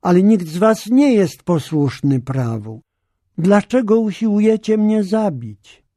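Jesus speaks as a calm male teacher with authority, voiced by a man reading scripture aloud. The delivery is measured and solemn, very slow and deliberate. The tone is dark and mellow, and it sits a little high. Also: no echo, clean studio sound, full character voice.

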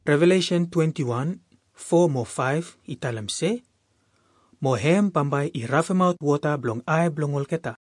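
A man's voice: a little high, normal speed, dry recording, studio quality. A man with a Melanesian Pidgin accent, reading Bible verses aloud as a scripture reader.

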